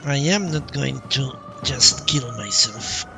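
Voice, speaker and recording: A streamer talks through his own gameplay in a loose, offhand way, his medium-pitched voice animated yet slow and creaky. Game music plays prominently behind him.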